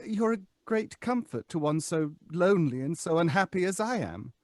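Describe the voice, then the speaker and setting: An actor playing a haughty, weary centuries-old ghost in an old-time radio drama, with pompous, theatrical phrasing. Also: male voice, fairly high pitch, animated, normal speed, dry recording, natural voice. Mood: weary, mournful. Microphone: close studio microphone.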